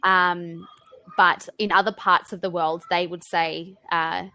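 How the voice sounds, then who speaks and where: A young Australian woman with an Australian accent, chatting casually over a video call as an interviewee, relaxed and quick to laugh. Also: on the low side, no echo.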